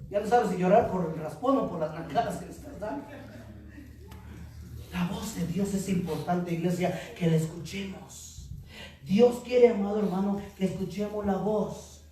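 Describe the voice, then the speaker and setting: High-voiced pastor preaching in an echoey hall. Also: male voice, measured pace. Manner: preaching with rising shouts and call-and-response. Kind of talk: sermon. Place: church hall. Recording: very echoey hall, mic far off.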